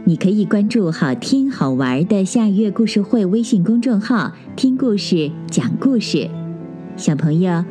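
A woman narrating a bedtime story for children as the show's storyteller, in a gentle, expressive way. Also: mid-range voice, unhurried, faint music behind.

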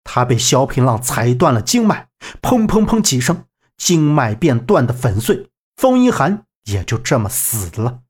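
A man narrating a martial arts novel as an audiobook, in an animated, dramatic reading. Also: mid-range voice, measured pace, slightly rough.

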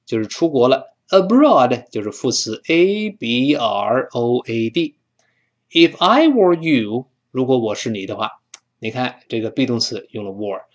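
A man whose first language is Mandarin, teaching English pronunciation, drawing out sounds slowly and repeating them for students to copy. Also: medium pitch. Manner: slow drawn-out demonstrations of English sounds; fillers and restarts when explaining.

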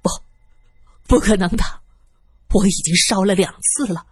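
A woman's voice: medium pitch, normal speed, a little mellow, breathy edge, dry recording, studio quality. A woman voicing a frightened young male film star who stammers in panic. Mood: shaken.

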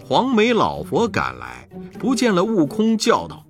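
A man narrating a children's story in a slow, expressive storytelling manner. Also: high-pitched, soft background music.

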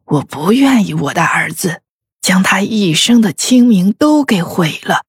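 A woman voicing a grieving old noblewoman who talks slowly and wearily about her wayward son, with sighs. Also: on the low side, no room sound, clean studio sound, heavily acted. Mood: weary lament. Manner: slow, sighing, weary and breathy. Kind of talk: audiobook character voice.

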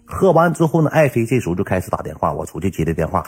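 A man with a Northeastern Mandarin accent telling a comic story in a casual, animated way. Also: racing, slightly rough. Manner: animated, switches into high voices when quoting others.

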